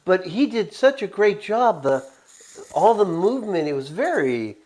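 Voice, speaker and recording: Slow, animated male co-host, casual chat. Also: sits high, low-quality recording.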